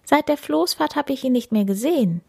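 A woman's voice: sits high, expressive, brisk, creaky, slightly rough, voice pushed up, full character voice. A woman voicing a kind, cheerful male character who welcomes and comforts his animal friends. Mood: friendly. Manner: warm, beaming.

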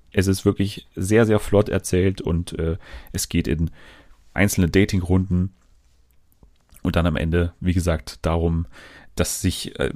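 A man with a very low voice hosts a relaxed chat, talking loosely with frequent fillers and restarts. His voice sounds dry and close, with almost no room around it. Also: no room sound. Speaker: podcast host. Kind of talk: casual chat about TV.

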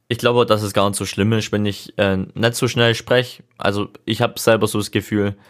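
Young guy doing a laid-back solo podcast, lowish voice, just thinking out loud and rambling a bit. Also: flat delivery, normal speed. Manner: informal, reflective, thinking aloud. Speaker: podcast host. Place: seated, leaning back in a chair.

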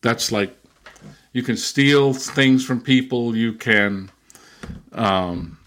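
An older man speaks as an interview guest, telling stories in a reflective, anecdotal way. He tends to slip into a loud, lecturing professor's voice. His pitch sits in a typical middle range for a man. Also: drawn-out words. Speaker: guest, professor and former missionary. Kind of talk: conversational interview storytelling.

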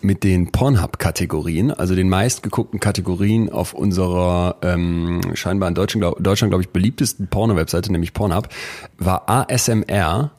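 A man hosting a podcast in casual, chatty talk, with a husky voice. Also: low-pitched, normal speed, a little mellow. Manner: at times drops into a breathy whisper. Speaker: podcast host.

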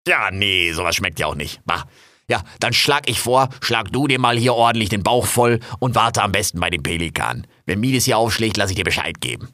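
Man playing a loudmouth raccoon, low voice, bright forceful tone, dry sound. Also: brisk, dry recording. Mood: evasive. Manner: loud, cursing, jumpy and excitable. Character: brash, foul-mouthed male raccoon garden worker. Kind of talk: audio drama acting.

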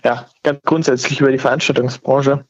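A man's voice: mid-range voice, level tone, brisk, dry recording. A man in his twenties comes through over the phone line, muffled and lo-fi. He talks casually but hesitantly, stopping often to look for the right word. The sound is dry and close, with no room around it. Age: 20s. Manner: hesitant, searching for words with many fillers. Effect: heard over the phone. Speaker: caller. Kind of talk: casual call-in chat.

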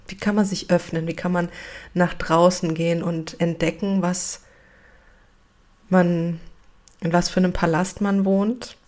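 A woman's voice: lowish voice, level tone, unhurried, long pauses, darkish tone. A woman hosting an interview conversation, engaged, summarizing what she has heard and asking questions. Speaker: host.

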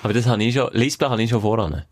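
A man's voice: fairly low pitch, very fast, a little mellow, dry recording. A man with a Swiss German accent co-hosting a podcast in casual chat, joking and teasing. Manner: joking, teasing, laughs often. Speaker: podcast co-host.

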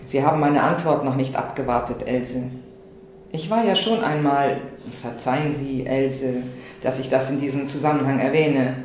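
A woman reading the part of a condescending older gentleman, speaking slowly and patronisingly in a literary reading. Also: rumbling low, a little hiss or hum. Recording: very echoey room, faint ambience.

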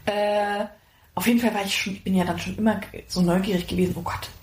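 Excitable woman podcast host. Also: medium pitch, fast talker, a little hiss or hum. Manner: excitable, gushing storyteller. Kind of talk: casual chat. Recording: echoey room.

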